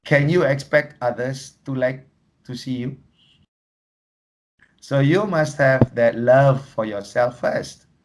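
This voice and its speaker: A man's voice: mid-range voice, noisy background. A man with a Malaysian English accent presenting a workshop, telling humorous anecdotes and slipping in Malay phrases. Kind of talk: lively teaching talk.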